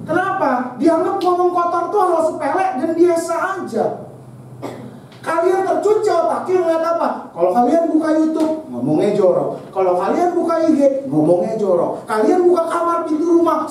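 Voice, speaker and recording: A man preaching a lively youth sermon, joking and acting out examples with sound effects. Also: very high voice, moderate pace, a little hiss or hum. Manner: playful, jokey, acts out examples with sound effects. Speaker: youth pastor. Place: church hall. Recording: echoey hall from far off.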